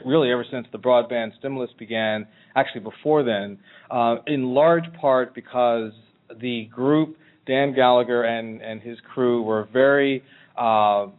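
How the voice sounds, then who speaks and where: Guy hosting an internet radio interview, halting chatty delivery, thin phone-line sound. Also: medium pitch. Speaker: internet radio talk show host.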